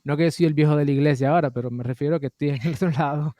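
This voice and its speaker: A man from Puerto Rico with a Puerto Rican accent, talking thoughtfully as an interview guest about music and law, with frequent pauses and fillers. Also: fairly high pitch, mellow, dry recording. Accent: Puerto Rican Spanish. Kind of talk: reflective conversational interview.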